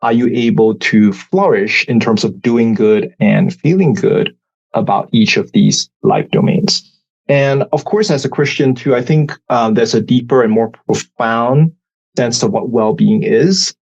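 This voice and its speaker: A man from Singapore, a psychology professor, answering interview questions in a thoughtful, measured way with frequent filler words. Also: medium pitch, lively intonation, creaky, a little mellow, breathy edge, dull audio.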